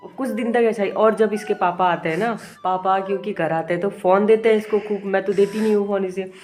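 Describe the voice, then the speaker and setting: Chatty Indian mom vlogging at home. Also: female voice, medium pitch, fairly even intonation, fairly quick, a little mellow, faint music behind. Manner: chatty, fondly scolding her crying child. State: has a bad headache. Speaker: vlogger, mother. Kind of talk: casual home vlog chat. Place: home, indoors.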